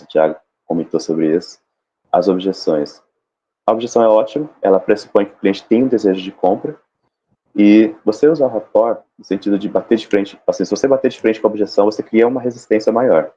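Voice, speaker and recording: Low, husky man explaining sales technique. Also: dark tone. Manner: explains by acting out seller and client dialogue. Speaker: panelist on a sales training live stream. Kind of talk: live panel talk on sales techniques. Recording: dull lo-fi stream audio.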